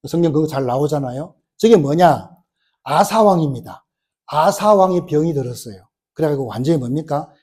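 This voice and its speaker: High-pitched husky pastor preaching. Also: male voice, animated, moderate pace, a little mellow. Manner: storytelling with rhetorical questions, acting out quoted lines. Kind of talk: sermon. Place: church sanctuary.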